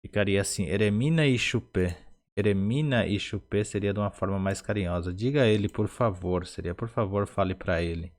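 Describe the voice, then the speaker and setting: A man teaching short phrases, speaking Portuguese with Spanish as his first language, patient and explanatory, repeating each phrase slowly syllable by syllable. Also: fairly low pitch. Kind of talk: slow instructional explanation.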